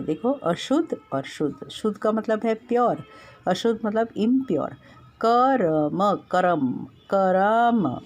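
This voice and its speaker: A woman teacher giving a grammar lesson to children, slowly sounding out and repeating each syllable of every word. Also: medium pitch, darkish tone.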